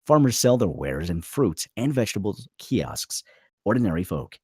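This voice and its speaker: Reading stage directions aloud as dramatic scripted narration at a table read, this man sounds a little low and husky, his pitch very animated. He keeps a moderate pace with clipped phrasing, captured dry and close without any room sound.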